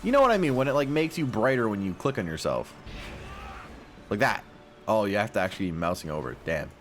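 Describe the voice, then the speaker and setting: A man's voice: lowish voice, very animated, fast, a bit bright. A man giving casual, rambling gameplay commentary with a self-deprecating streak, his voice cracking in the morning. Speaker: gaming YouTuber. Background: faint music stream.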